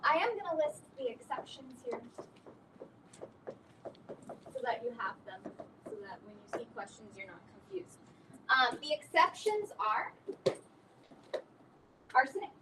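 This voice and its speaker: A woman's voice: high voice, very animated, normal speed. A woman teaching a chemistry lesson, patiently explaining naming rules and spelling out word endings letter by letter. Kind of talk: recorded classroom lesson. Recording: distant mic with clear background noise.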